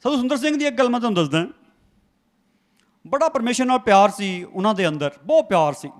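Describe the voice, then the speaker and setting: A man with a high voice delivers a sermon in a church. He preaches with emphatic force, repeating key phrases and calling on the congregation to respond aloud. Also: expressive, quick pace.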